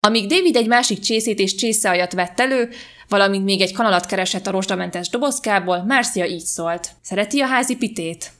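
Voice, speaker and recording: A woman podcast host reading a short story aloud in a calm, even storytelling manner. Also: mid-range voice. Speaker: podcast reader.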